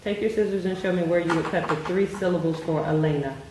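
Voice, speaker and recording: A woman's voice: fairly low pitch, a little mellow. A woman tutoring a child in reading, asking patient questions and praising often. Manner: patient, encouraging, slow questioning prompts. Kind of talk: one-on-one phonics tutoring. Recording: very echoey room, faint noise.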